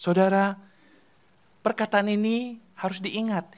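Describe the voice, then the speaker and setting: A man's voice: high voice, steady tone, measured pace. A man, a pastor preaching a sermon in a church hall, asking the congregation questions and answering them himself. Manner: swings between loud emphatic calls and soft dropped endings.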